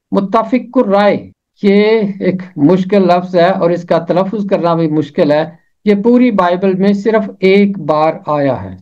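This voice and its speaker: Male teacher, measured and careful, repeats each term twice, dull lo-fi sound. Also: high voice, a little mellow. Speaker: Bible pronunciation teacher. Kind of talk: slow, deliberate pronunciation lesson. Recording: slightly muffled lo-fi recording.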